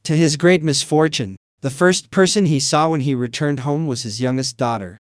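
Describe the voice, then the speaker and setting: A man narrating a fairy tale in a calm, measured storyteller's voice. His pitch sits a little high for a man. The sound is dry and close. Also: dry recording.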